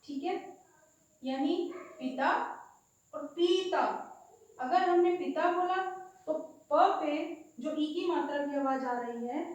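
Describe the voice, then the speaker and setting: A woman teacher giving a patient lesson, slowly explaining and repeating example words aloud. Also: high voice, darkish tone, highs cut off. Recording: very echoey room.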